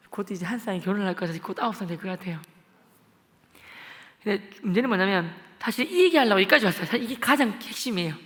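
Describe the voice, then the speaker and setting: A man, a church deacon, giving an evangelistic testimony, telling his story in a lively way and acting out the dialogue with shouts. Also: high-pitched. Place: church sanctuary. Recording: long church-hall reverb.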